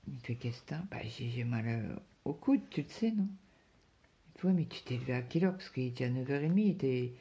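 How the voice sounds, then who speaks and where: A woman's voice: extremely low pitch, a little fast. A middle-aged woman telling a chatty story about her day, acting out bits of talk and dropping to a whisper at times. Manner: chatty, quotes her husband in lively bits, drops to whispers. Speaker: crafting vlogger. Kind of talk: casual chat, storytelling.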